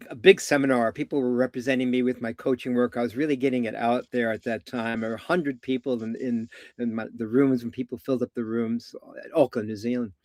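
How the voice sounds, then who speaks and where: Older male coach, measured and expressive, dry close sound, mid pitch. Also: dry recording. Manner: measured, animated storytelling with voiced vocal sounds. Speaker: coach and therapist. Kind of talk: live video conversation.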